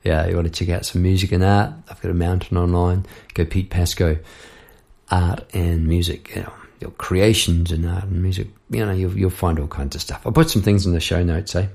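Gravelly New man spinning a yarn. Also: sits low, steady tone, normal speed, darkish tone. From New Zealand. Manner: chatty, rambling, laughs between lines. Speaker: podcast host and songwriter. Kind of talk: casual storytelling monologue.

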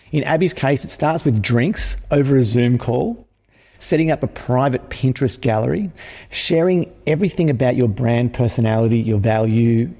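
A man hosting an interview, reading a measured introduction and asking questions in an earnest way. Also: mid-range voice, vocal fry, mellow, big-room sound. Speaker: podcast host.

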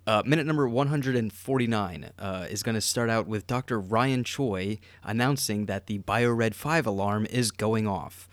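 Low-voiced man co-hosting a podcast. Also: moderate pace, few pauses, no echo. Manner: rambling, filler-heavy with frequent laughs. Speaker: podcast co-host. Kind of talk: casual podcast chat.

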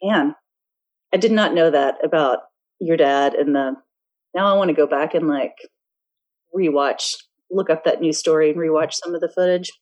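A woman's voice: low-pitched, normal speed, darkish tone, highs cut off. A woman hosting a casual podcast interview, asking curious, friendly questions and giving short reactions. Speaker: podcast host.

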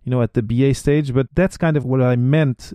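A man's voice: mid-range voice, steady tone, brisk, dark tone, dry recording, studio quality. A man hosting a podcast interview, talking in a casual, hesitant way and often repeating words as he thinks. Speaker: podcast host.

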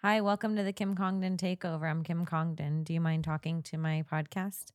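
A woman's voice: low voice, little pitch movement. A woman in her thirties from Florida, hosting a comedy podcast with brash, sarcastic banter. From Florida, United States. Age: 30s. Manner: brash, sarcastic, quick jokes. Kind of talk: comedic casual chat.

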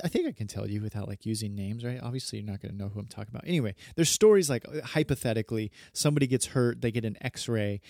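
A man's voice: fairly low pitch, darkish tone, no room sound, studio quality. A man in his thirties, a pastor hosting a podcast, talking casually in a rambling, earnest way and often correcting himself. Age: 30s.

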